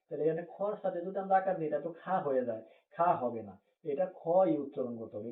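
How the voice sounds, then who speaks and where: A man teaching Quran reading, patiently repeating letters and vowel marks and quizzing his learners, in colloquial Bangladeshi Bengali. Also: a little high. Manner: patient, repetitive drilling with questions to learners. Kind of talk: spelling-drill lesson. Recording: echoey, distant, phone-like audio.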